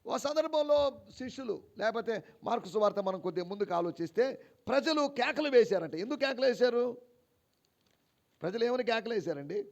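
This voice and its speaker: A male pastor preaching an animated sermon at a church service. He fires rhetorical questions at the congregation and swings between low quiet asides and raised, emphatic declarations. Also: a little fast, vocal fry.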